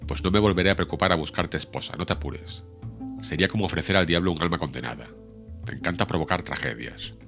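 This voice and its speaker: A man reading the lines of a proud, fiery young woman in an audiobook, sharp and imperious. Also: low-pitched, fast talker, soft background music.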